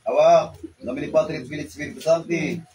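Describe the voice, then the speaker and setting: A man's voice: fairly high pitch, fairly even intonation, a little fast, warm tone, slight background noise, low-quality recording. A man leading a healing ritual, giving commands and chanting prayers. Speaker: faith healer.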